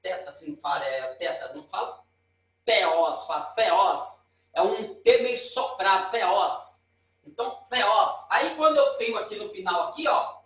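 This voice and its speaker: Recorded off-mic in a very echoey room, this male teacher with a Brazilian Portuguese accent gives a chatty, informal board lesson, pointing and correcting himself. His voice sits high and sounds animated, brisk, and a bit bright.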